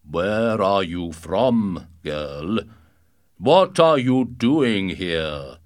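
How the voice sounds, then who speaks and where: A commanding giant lord of the wind, voiced by a male storyteller. He speaks loudly and deliberately, dragging out each order. His tone is stern and unyielding. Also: sing-song. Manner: very loud, deep, slow commands.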